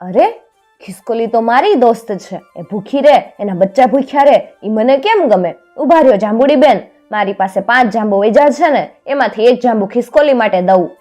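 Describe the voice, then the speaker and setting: A woman's voice: fairly high pitch, lively intonation, moderate pace, warm tone, faint music behind, lightly acted. A woman voicing a kind-hearted little boy in a storybook tale, eager and cheerful. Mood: concerned.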